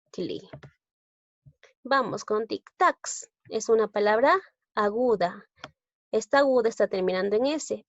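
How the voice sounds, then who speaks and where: A woman's voice: mid-range voice, dry recording. A woman teacher with a Peruvian Spanish accent, patiently explaining a grammar lesson step by step and often checking in with short tag questions. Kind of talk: recorded online grammar lesson. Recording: dull lo-fi recording.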